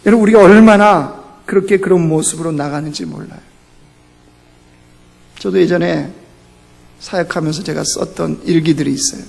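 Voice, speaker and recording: A man preaching a Sunday sermon as pastor, asking rhetorical questions, climbing to emphatic peaks and then dropping low. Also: moderate pace, vocal fry, long pauses, darkish tone. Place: church sanctuary. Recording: church hall reverb.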